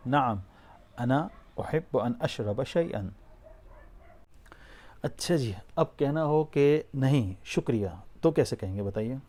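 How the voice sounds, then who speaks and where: This spoken Arabic lesson is led by a man whose mellow, middle-pitched voice has lively intonation. Through repeat-after-me drills, he pronounces every phrase slowly and clearly before inviting learners to repeat, encouraging them as they go.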